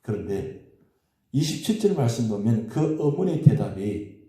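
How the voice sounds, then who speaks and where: A man's voice: fairly low pitch, very animated, measured pace, mellow. A man, a pastor, preaching an early morning sermon with emphatic rises and falls and many rhetorical questions. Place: church sanctuary. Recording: very echoey church hall.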